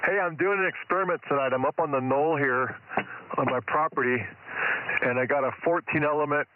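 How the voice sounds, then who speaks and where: Man, ham operator heard over a tinny two-way radio, halting and restarting, faint hiss. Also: a little high. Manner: hesitant, restarts often, ends turns with 'over'. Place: outdoors on a hilltop by his truck.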